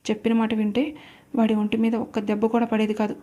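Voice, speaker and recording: A cocky young man full of attitude, as a woman storyteller voices him in a storybook tale. He threatens in a level, mellow voice pitched on the high side, with little rise and fall. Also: completely flat delivery, fast talker, natural voice. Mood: threatening. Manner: menacing, mocking.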